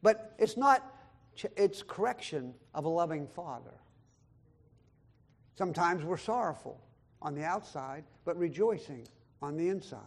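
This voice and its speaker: A pastor with a notably high voice preaches a sermon at a measured pace, pausing often and quoting scripture aloud. He's expressive and emphatic, swelling to loud, high lines on big points and dropping to quiet, low asides, sometimes acting out other people's voices.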